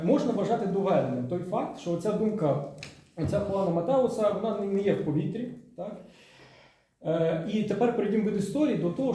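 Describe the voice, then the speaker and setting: Guy giving a conference paper, pauses a lot and asks "right?", mellow voice, far from the mic in a big echoey room. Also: high-pitched. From Ukraine. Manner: measured, thinking aloud with frequent filler pauses and "так?" checks. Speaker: graduate student giving a conference talk. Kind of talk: academic presentation reading and commenting on sources. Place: conference hall at a round table. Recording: distant mic in a very echoey hall.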